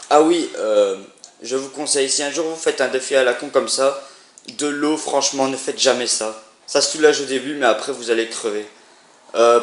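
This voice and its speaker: A man's voice: medium pitch, a bit bright. A young man presenting a challenge video in casual, rambling talk with slang and crude words. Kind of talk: casual unscripted vlog chat. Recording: roomy echo, faint background noise.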